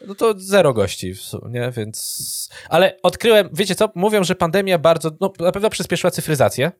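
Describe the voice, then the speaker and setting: Animated young man, dry close sound. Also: sits high, fairly quick, no room sound. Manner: animated, joking, laughs often. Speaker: podcast co-host. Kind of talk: casual banter.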